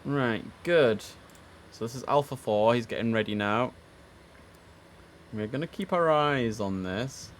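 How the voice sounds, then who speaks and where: In a mid-range voice, a man speaks a little slowly with long pauses. He's casually commenting on a live stream while playing air traffic controller, easygoing and half talking to himself, occasionally using clipped controller phraseology.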